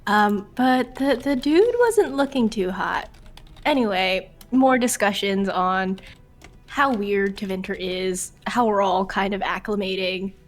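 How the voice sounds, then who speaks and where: A woman's voice: medium pitch, a little slow. A woman casually recapping a tabletop game session, chatty and joking, laughing often.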